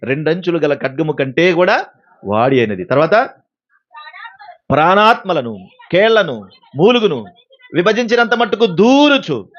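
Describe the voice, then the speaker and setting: A man preaching a sermon, animated, asking the congregation questions and acting out everyday exchanges. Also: sits high. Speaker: pastor. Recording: dull, lo-fi recording.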